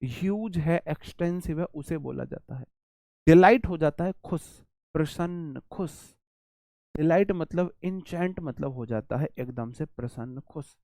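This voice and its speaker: Give me an animated Indian male teacher drilling vocabulary, slightly high-pitched, recorded dry and close. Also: unhurried, no room sound. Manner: animated, repeats words often, chatty teacher asides. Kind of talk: exam-prep vocabulary lesson.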